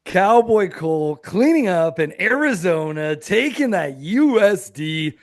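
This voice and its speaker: Man in his thirties, podcast co-host, high-ish voice, energetic and slangy, dry close mic. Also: measured pace, no room sound. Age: 30s. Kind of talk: casual chat.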